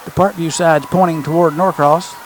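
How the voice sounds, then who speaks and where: A man's voice: a little high, steady tone, moderate pace, slight background noise, rough recording. A man doing live football play-by-play as a partisan home-team announcer.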